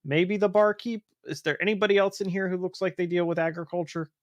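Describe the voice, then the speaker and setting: A man taking part in a tabletop role-playing game, speaking politely and in a measured way, partly in character. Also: sits high, fairly even intonation, no room sound. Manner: polite, measured, some fillers. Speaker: player.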